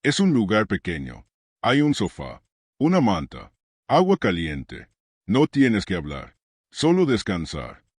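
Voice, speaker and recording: A man voicing a weary widowed father who speaks low, evenly and without hurry. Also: huge pitch swings, slow pace, slightly rough, no room sound, exaggerated voice. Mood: calm.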